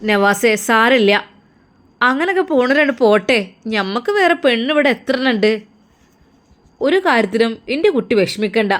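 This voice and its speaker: A woman's voice: fairly high pitch, lively intonation, moderate pace, long pauses, lightly acted. A woman voicing a firm, persuasive middle-aged aunt with a Malabar Malayalam accent. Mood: coaxing. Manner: coaxing, persuasive, scolding. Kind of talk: storytelling role voice.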